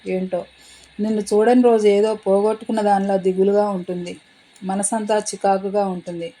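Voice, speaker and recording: Earnest young woman in love, mellow, plain-spoken read by the narrator. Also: mid-range voice, little pitch movement, moderate pace, lightly acted, rough recording. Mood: tender. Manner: earnest, pleading.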